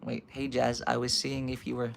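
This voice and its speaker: A man's voice: mid-range voice, monotone, normal speed, vocal fry. A man streaming, reading a novel aloud and chatting casually to viewers with loose asides.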